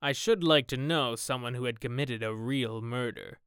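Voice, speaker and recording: A man playing a witty, cynical aristocratic gentleman with a languid, drawling manner. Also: medium pitch, normal speed, clear, resonant tone, no room sound, clean studio sound, close to an everyday voice. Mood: prodding.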